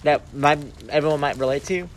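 A man's voice: a little high, a little fast, slight background noise, poor audio. A young man hosting a casual podcast chat, rambling and hedging as he asks his guest questions. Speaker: podcast host.

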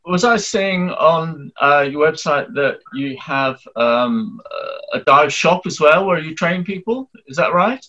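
A man's voice: fairly high pitch, lively intonation, slow, bright, forceful tone. A man interviewing guests, asking questions hesitantly with stammers and restarts. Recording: dull lo-fi sound.

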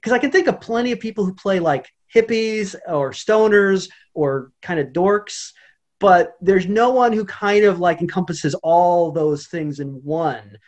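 A podcast co-host chatting casually, mid-pitched, with a rambling flow full of "like" fillers and restarts. The talk wanders as thoughts come together on the fly. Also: a little mellow. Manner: rambling, heavy use of "like", many restarts. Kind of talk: casual chat.

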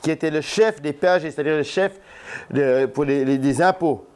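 A man's voice: on the high side, moderate pace, darkish tone, smooth. A man preaching an informal sermon, joking and putting questions to his congregation at a church gathering in a café. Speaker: pastor.

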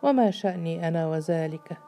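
A woman's voice: on the low side, a little fast, soft background music. A woman voicing a shrewd rich merchant man. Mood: calm. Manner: calm, calculating.

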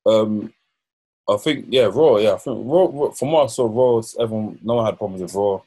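A man's voice: fairly low pitch, moderate pace, warm tone, low-quality recording. A man with a London roadman accent chatting casually as a podcast co-host, slangy and repeating himself for emphasis. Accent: London, urban roadman slang. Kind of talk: casual chat.

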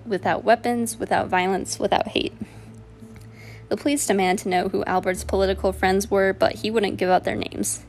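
Woman podcast host with a gravelly edge. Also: mid-range voice, a little mellow. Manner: reads a script with personal asides. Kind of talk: scripted true-crime narration.

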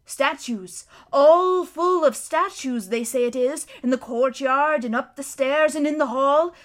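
A woman's voice: sits high, unhurried, pitched above the performer's own voice. A woman voicing a gloomy, earnest male beaver who speaks in a grave, folksy way.

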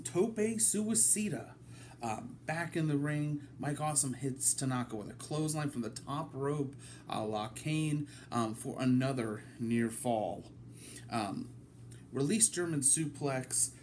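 A man hosting a casual wrestling review from his apartment, talking it through in a halting way with many ums. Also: mid-range voice, a little mellow, slight background noise. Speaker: wrestling podcast host.

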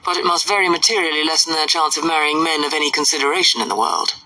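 A woman voicing a proud, reserved wealthy gentleman in a storybook, terse and formal. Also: low-pitched, fast, recorded from a distance, low-quality recording. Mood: cool, reserved.

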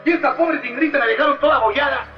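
A man's voice: extremely high pitch, very fast. An actor with a Mexican accent playing a cheeky, wisecracking young bread delivery man in an old film comedy, full of joking slangy patter. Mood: playful. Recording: muffled old film soundtrack with echo and music.

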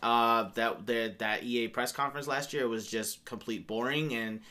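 A man's voice: medium pitch, fairly even intonation, moderate pace, pushed and bright. A man in his late twenties co-hosting a podcast in casual chat, blunt and critical, with plenty of fillers and hedges. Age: 20s. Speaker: podcast co-host.

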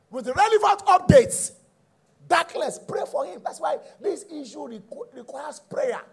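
This middle-aged Nigerian preacher has a raspy, very high voice. He teaches a sermon emphatically, repeating key phrases and checking in with his listeners.

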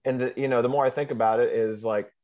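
A man's voice: medium pitch, steady tone, quick pace, lo-fi sound. A man co-hosting a casual faith podcast, talking in rambling bursts with lots of fillers. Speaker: podcast co-host.

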